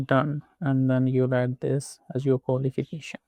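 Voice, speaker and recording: A Pakistani man who isn't a native English speaker narrates a screen walkthrough as a tutorial presenter, giving slow, methodical step-by-step instructions. His voice is medium in pitch and dark in tone, with little pitch movement, and the recording has no room sound.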